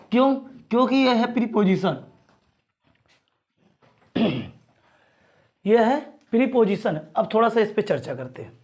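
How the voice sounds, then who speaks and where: A male teacher drilling pronunciation in class, repeating each word and asking again and again how to read it, often clearing his throat. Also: high voice, very animated, slow, long pauses.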